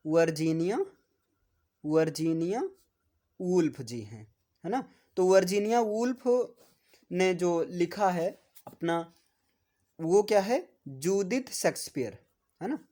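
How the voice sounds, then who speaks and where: A man's voice: high-pitched, animated, slow pace, pauses often, warm tone. A man with a Hindi accent giving a classroom lecture, repeatedly asking "है ना?" and spelling words out for his students. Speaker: teacher.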